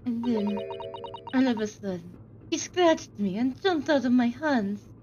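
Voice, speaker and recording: A woman voicing a nervous female passenger in a mystery game, speaking in a put-on Russian accent with a hesitant, halting manner. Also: on the high side, expressive, darkish tone, dull audio, faint music behind, pitched below the performer's own voice. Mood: anxious.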